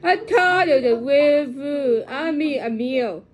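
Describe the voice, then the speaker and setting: A woman voicing a grumpy, sarcastic teenage cartoon villainess in a loud, overacted amateur fan dub. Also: sits high, expressive, slow, lo-fi sound. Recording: home phone recording over TV sound.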